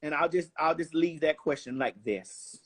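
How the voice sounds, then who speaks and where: A woman's voice: low-pitched, moderate pace, breathy edge. A woman in her forties giving an interview in a blunt, emphatic, profane way. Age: 40s. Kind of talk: casual interview chat.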